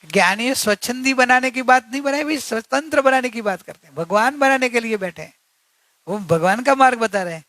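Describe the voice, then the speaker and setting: High-voiced man, earnest discourse. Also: fairly quick, sharp tone, no echo. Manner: earnest, repetitive, asks rhetorical questions. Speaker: spiritual teacher. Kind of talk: religious discourse.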